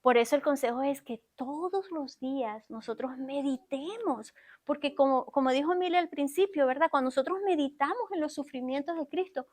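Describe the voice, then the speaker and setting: A woman with a high-pitched voice delivers a sermon from the pulpit of a church. She speaks straight to her congregation and keeps stopping to ask them questions. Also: moderate pace. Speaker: preacher. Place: church sanctuary.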